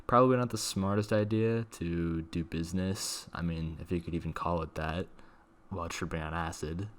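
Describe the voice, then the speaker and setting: A man's voice: sits low, fairly even intonation, moderate pace, slight background noise. A young man telling a casual, rambling story in a slangy, sweary way, leaning heavily on "like". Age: young adult. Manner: slangy, sweary, filler-heavy with "like". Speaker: video creator telling a personal story.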